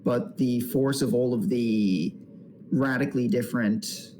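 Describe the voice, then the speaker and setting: A man running a tabletop game as game master, explaining the game in a halting way with lots of restarts. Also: mid-range voice, steady tone, dark tone, a little hiss or hum.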